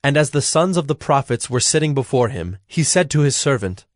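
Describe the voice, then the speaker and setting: A man narrating scripture in a measured, even reading voice. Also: mid-range voice, dry recording, studio quality. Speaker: scripture reader.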